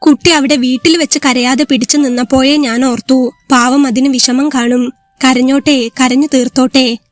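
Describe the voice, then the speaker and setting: A woman voicing a gentle older father-in-law who consoles, in a storybook reading. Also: high voice, steady tone, normal speed, lightly acted. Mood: consoling.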